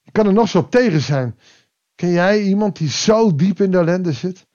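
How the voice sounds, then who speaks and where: A man preaching a devotional sermon, reflective and pausing, rising with emphasis and then dropping to a quiet voice. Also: high-pitched, animated, highs cut off.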